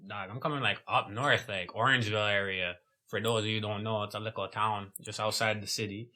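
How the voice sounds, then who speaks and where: A man's voice: on the low side, steady tone, fairly quick, bright, forceful tone. A young man chatting on a podcast in a laid-back, slangy way. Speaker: podcast co-host. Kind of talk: casual chat.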